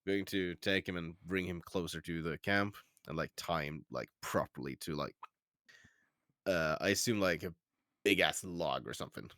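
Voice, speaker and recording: Deep-voiced man, rambling player. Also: normal speed, sharp tone, no echo, studio quality. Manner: rambling, lots of "like", swears. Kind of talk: casual tabletop game chat.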